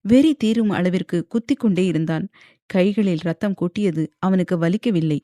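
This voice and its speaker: A woman narrating a romance audiobook in a steady storytelling manner. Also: on the low side, normal speed, no echo, studio quality. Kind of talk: scripted narration.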